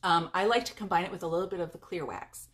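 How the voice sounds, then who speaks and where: During a live-stream demonstration in her home garage, a middle-aged Californian woman who paints furniture and runs a paint business chats casually and cheerfully with her viewers. She talks fast, in a fairly low, fairly bright voice.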